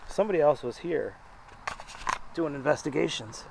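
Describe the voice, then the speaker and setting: A man's voice: lively intonation, moderate pace, vocal fry. A man hosting a casual night-time paranormal investigation, talking hesitantly and calling out repeated questions. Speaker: ghost hunt investigator and host. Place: small stone cemetery crypt at night. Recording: noisy location sound with vehicle rumble.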